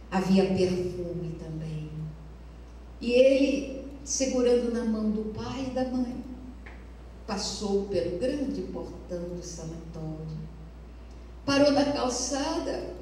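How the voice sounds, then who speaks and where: A woman lecturer tells a story in a lyrical, measured way during a spiritual talk. Her voice is slow and mellow. It reaches a distant mic with a long, ringing reverb and faint room noise. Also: medium pitch, animated. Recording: echoey hall, mic far off.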